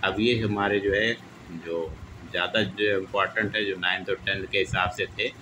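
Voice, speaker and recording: A man teaching English grammar in Hindi with a Hindi accent, repeating each verb form slowly in drill style. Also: low voice, fairly even intonation, noisy background. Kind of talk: classroom lesson reciting verb forms.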